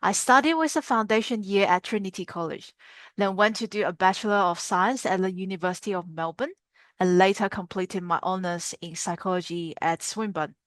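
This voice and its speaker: A woman in her twenties from China, a psychologist, calmly recalling her path in an interview. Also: mid-range voice, fairly quick, dry recording. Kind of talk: calm interview recollection.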